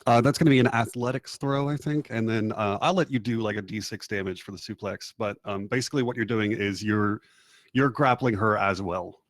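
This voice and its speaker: Guy gm on a tabletop game, lowish voice, dry close sound, jokey. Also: brisk, no echo. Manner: joking, relaxed rulings. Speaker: game master.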